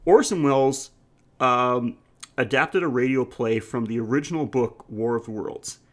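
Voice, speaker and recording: A podcast co-host banters about films in a casual, jokey chat. His voice sits at a medium pitch and moves at a moderate pace.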